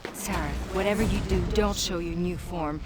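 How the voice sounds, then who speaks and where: A woman's voice: fairly low pitch, moderate pace, natural voice. A woman voicing a sly, seductive demoness companion in a video game, teasing, scheming and coolly dismissive. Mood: urgent, knowing.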